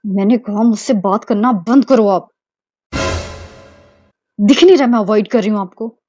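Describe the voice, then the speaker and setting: A woman's voice: moderate pace, no room sound, lo-fi sound, soft background music, natural voice. A woman voicing a proud, easily embarrassed young wife who scolds indignantly, in an amateur audio drama. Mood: scolding. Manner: indignant scolding, shrill shouts.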